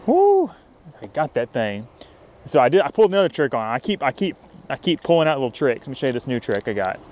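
Excitable young man fishing at night. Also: medium pitch, fast talker, slight background noise. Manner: excitable, whoops and hollers when fish bite. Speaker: fishing vlogger. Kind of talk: casual outdoor vlog narration. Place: riverbank near a dam at night, outdoors.

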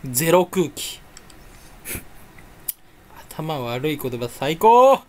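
A man's voice: a little high, big pitch swings, extremely slow. A young man chatting alone to camera, rambling playfully and mocking himself while sucking on a candy. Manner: playful, self-mocking muttering with sudden loud outbursts. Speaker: YouTuber. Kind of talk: rambling solo chat.

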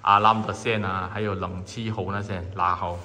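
A man from Malaysia casually narrates a walkthrough of his house under renovation, pointing things out on a handheld action camera. His low voice barely shifts in pitch, moves at normal speed, and sounds pushed and bright, with a big-room sound.

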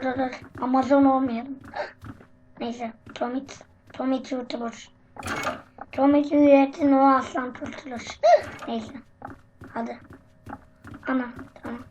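A gaming channel host with a hoarse, sick voice commentating on gameplay, jumping between excited bursts and mumbled asides. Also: high voice. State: hoarse from illness. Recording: dull lo-fi audio with background noise.

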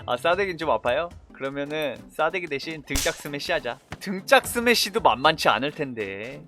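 A man streaming a battle game, chatting casually with viewers in a playful, boastful, teasing way and breaking into sudden shouts. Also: fairly high pitch, lively intonation, brisk, over music. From Korea. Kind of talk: casual gameplay commentary.

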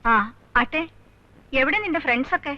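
An actress playing a calm, assured middle-aged judge and mother. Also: high voice, normal speed, dry recording. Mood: weary. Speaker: special court judge, mother. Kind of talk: 1990s film dialogue. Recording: dry, dull lo-fi film soundtrack.

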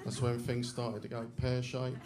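A middle-aged man with a London accent doing a deadpan, self-deprecating stand-up set on a club stage, speaking into a handheld mic. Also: medium pitch, normal speed, over a noisy crowd, very noisy. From England. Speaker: stand-up comedian. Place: comedy club stage with a live audience. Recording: loud audience laughter in a club.

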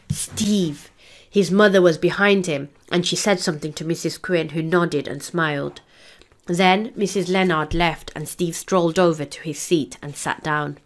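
A woman English teacher reading a novel aloud to her class in a steady storybook manner. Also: lowish voice.

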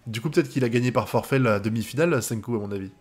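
A man's voice: medium pitch, very fast, soft background music. A man from France giving live reaction commentary on an anime episode, swearing often and breaking into laughter.

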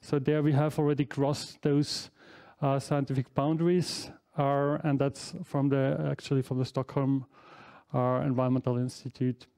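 Through a headset mic in a large hall, a professor in his forties delivers an inaugural academic lecture on slides, speaking English as a second language. His mid-range voice is level, dark, clear and resonant at normal speed, though he often uses fillers and corrects himself.

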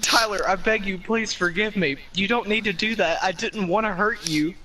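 A man's voice: sits high, moderate pace, pushed and bright, a little hiss or hum, pitched above the performer's own voice, low-quality recording. Man hamming up a melodramatic, pleading bunny heroine. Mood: pleading, distraught. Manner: hammy, overwrought stage acting. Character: pleading, melodramatic, career-driven young female bunny. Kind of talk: dramatic reading of a comic.

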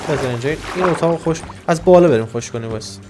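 Excitable man shouting over game music. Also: on the high side. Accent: Iranian Persian. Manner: excitable, joking, shouts and trash-talks mobs. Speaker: gaming YouTuber. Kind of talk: Minecraft let's-play commentary.

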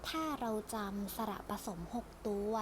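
A woman teacher giving a patient lesson to young children, sounding out each vowel slowly and repeating it. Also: medium pitch, lively intonation, noisy background.

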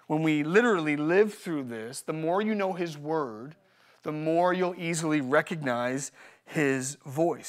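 A man with a high, bright-sounding voice preaches at a live church service. He talks with energy and humor, repeating his main lines so they stick. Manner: energetic, joking, repeats key phrases. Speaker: pastor. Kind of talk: live sermon with personal stories.

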